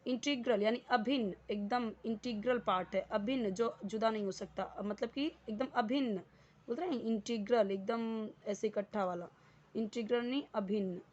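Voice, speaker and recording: A woman's voice: a little high, moderate pace, darkish tone, highs cut off. A woman teaching English word by word, patient and explanatory. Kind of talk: Hindi-medium English lesson.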